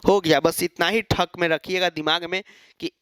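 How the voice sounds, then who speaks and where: A man's voice: sits high, fairly even intonation, moderate pace, a bit bright, smooth, no room sound, clean studio sound. A man teaching an exam-prep lecture, asking and answering his own questions and mimicking students.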